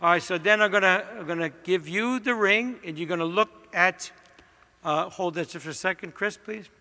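A man's voice: high voice, moderate pace, pushed and bright. A man, a priest, walking a wedding party through their rehearsal, giving chatty directions with joking asides. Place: large church. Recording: long church reverb.

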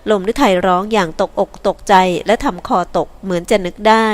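A woman audiobook reader narrating a novel in a calm, even storytelling manner. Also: mid-range voice, brisk.

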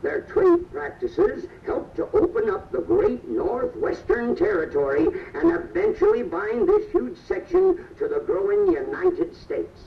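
A man's voice: very high-pitched, very animated, unhurried, vocal fry, few pauses, a little hiss or hum. A man giving scripted historical narration as the ride narrator, in a stately storybook delivery, played back over a PA. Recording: distant roomy lo-fi PA playback.

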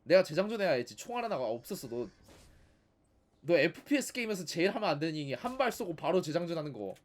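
A man's voice: a little high, very animated, fast. A man giving casual, sarcastic commentary as he plays a game, nagging and talking back at the characters. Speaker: gaming video host.

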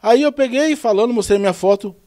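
A man's voice: very high-pitched, brisk. A man from the São telling a long personal story in a casual podcast chat, quoting what people said. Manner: rambling, animated retelling with quoted dialogue. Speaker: podcast guest; truck driver.

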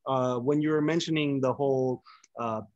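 A man's voice: medium pitch, steady tone, moderate pace, a little mellow, no room sound, highs cut off. A man co-hosting a casual board game chat on a video call, asking tentatively in a conversational way. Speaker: board game review co-host.

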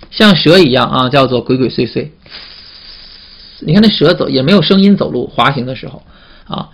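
Man, teacher, vocabulary lesson, slightly high voice, call-and-response questions. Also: fairly bright tone, husky. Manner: repetitive, drawn-out "啊" fillers and call-and-response questions. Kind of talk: classroom vocabulary lecture.

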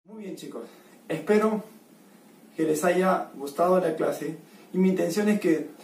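Slow, encouraging dance teacher, heard from afar. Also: male voice, sits high. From Peru. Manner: counts and sings out step rhythms, encouraging. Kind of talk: recorded dance lesson. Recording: roomy, from far off the mic, with music. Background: music playing.

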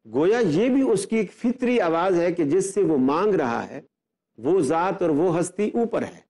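Earnest scholar man, mellow voice. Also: a little high. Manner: earnest, builds points with rhetorical questions. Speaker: Islamic scholar and guest speaker. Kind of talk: religious explanatory talk.

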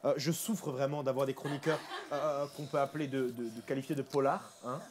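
A man hosts a lighthearted studio chat, teasing his co-hosts and cracking jokes. He talks very fast. A steady noise runs under the voice. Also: medium pitch. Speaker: host. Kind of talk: playful group chat.

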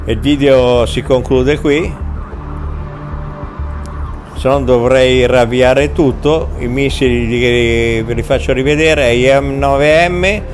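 Slow, hesitant gameplay host. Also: male voice, mid-range voice, steady tone, soft background music. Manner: hesitant, halting with many fillers. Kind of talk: casual gameplay commentary. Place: at home.

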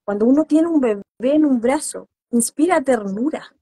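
Earnest woman, husky and dry. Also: sits high, lively intonation, moderate pace, mellow, no echo. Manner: earnest, emphatic, acts out parents and children. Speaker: guest therapist. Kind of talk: interview on parenting.

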